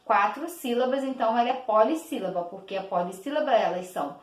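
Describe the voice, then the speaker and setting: A woman teacher gives a patient children's lesson, clapping out each syllable slowly and repeating words. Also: a little high, lively intonation. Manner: slow, clapping out each syllable, many diminutives. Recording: echoey room.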